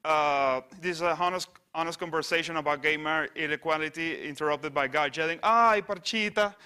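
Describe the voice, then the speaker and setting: A man from Venezuela, giving a wry, halting conference talk with many restarts. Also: on the high side, flat delivery, pushed and bright, clean tone. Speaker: conference speaker on satire news site. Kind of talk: conference presentation. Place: conference stage.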